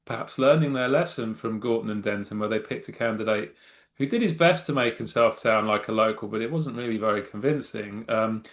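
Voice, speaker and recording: A middle-aged man with a lowish voice speaks a little fast as a political science guest. He delivers thoughtful, wry expert analysis conversationally, frequently restarting and adding fillers, in a non-Mancunian English accent.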